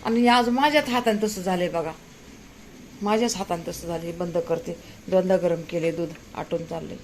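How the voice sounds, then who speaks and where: A woman's voice: on the low side, moderate pace, a little mellow, a little hiss or hum. A middle-aged woman, complaining aloud as she cooks in her home kitchen and talks to viewers. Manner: exasperated, complaining, talks while cooking. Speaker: home vlogger. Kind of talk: casual kitchen vlog talk to viewers.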